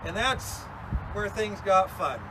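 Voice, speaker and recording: Higher-voiced man giving a graveside eulogy outdoors. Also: animated, takes it slowly. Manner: conversational, folksy asides. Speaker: funeral officiant. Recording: clear outdoor noise, passing vehicles. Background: outdoor ambience and vehicle noise.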